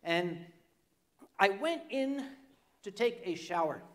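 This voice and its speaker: High-voiced older male storyteller. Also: animated, slow pace, a bit bright. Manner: rambling, self-mocking, with comic asides. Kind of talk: stage storytelling. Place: convention stage before an audience.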